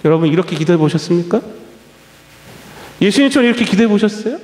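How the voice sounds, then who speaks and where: Male pastor, high and lively voice, emphatic sermon with repeated phrases, reverberant church hall. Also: quick pace. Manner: emphatic preaching with rhetorical questions and repeated phrases. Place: church sanctuary.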